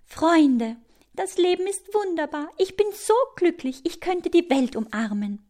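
A woman's voice: sing-song, normal speed. A woman doing a cheerful little ant. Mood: overjoyed. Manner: bright and high, gentle. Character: cheerful, cautious female ant.

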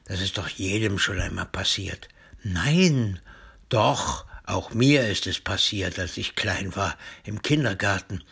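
A man's voice: deep voice, lively intonation, slow, gravelly, fairly bright tone, slightly rough, heavily acted. A man voicing a kind, joking father in a storybook reading, with a playful, teasing manner.

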